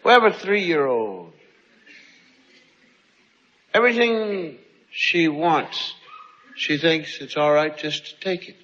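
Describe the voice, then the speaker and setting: A middle-aged man telling long stand-up stories, slow and drawn-out with sudden loud outbursts. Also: on the high side, lively intonation. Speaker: stand-up comedian. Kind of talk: stand-up storytelling. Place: large theater stage. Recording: live show in a hall, dull sound, audience.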